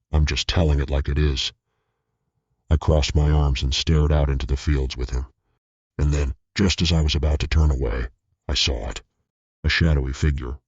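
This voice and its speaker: A man narrating a scripted horror story in a steady, tense way. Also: rumbling low, breathy edge, dry recording. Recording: dull lo-fi recording.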